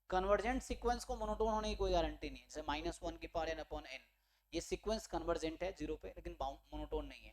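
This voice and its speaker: A man teaching a maths lecture for exam preparation, explaining step by step and checking in with his students. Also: sits high. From India. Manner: explains step by step, mixing English terms and checking in with listeners. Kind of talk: online exam-prep lecture.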